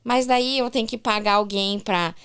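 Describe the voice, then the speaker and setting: A woman's voice: medium pitch, moderate pace, fairly bright tone, clean tone, close to an everyday voice. A woman voicing her seventy-year-old mother, who worries and asks practical questions. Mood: worried.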